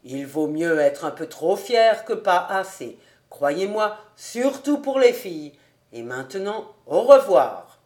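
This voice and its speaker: A kind, cheerful young man from an old storybook, friendly and unhurried, as a woman reader lowers her voice for him. He speaks slowly and warmly. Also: big pitch swings, roomy sound. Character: young male city gentleman, kind, cheerful.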